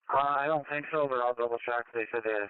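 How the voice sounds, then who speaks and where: A man's voice: medium pitch, fairly even intonation, fast talker, background noise. A man working as an emergency dispatcher, directing units over the radio. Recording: narrowband radio channel.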